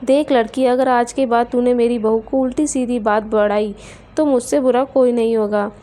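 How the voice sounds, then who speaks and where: A woman's voice: a little high, steady tone, normal speed, dark tone, natural voice. A woman voicing a harsh, taunting older mother-in-law in a storybook tale. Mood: scolding. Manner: scolding, taunting. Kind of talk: storybook character voice.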